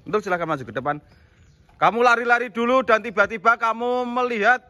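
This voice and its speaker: A man's voice: very high voice, brisk, pushed and bright. A man, narrating a comedy skit and directing his team, often laughing as he talks. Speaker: director of an acting challenge.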